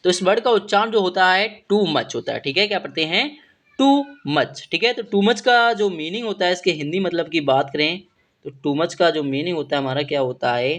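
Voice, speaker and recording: A man giving a spoken vocabulary lesson, spelling each English word letter by letter and repeating its meaning in Hindi with a steady "okay". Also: high-pitched, normal speed. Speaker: English teacher.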